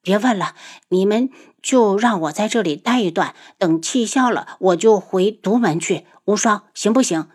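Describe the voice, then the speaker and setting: A woman voicing a proud young martial woman whose voice is hoarse from poison, in an audiobook. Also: mid-range voice, moderate pace, a little mellow, lightly acted. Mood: bitter. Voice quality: husky, hoarse. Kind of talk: audiobook character voice.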